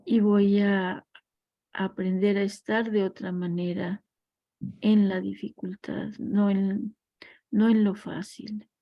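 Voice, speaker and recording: A woman's voice: mid-range voice, level tone, takes it slowly, no room sound, muffled recording. A woman teaching a class on family constellations, speaking reflectively and weaving in parables and personal stories. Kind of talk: recorded class lecture.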